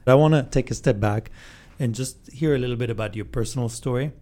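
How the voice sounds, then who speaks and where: A man interviewing a guest, asking polite, measured questions. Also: medium pitch, dark tone.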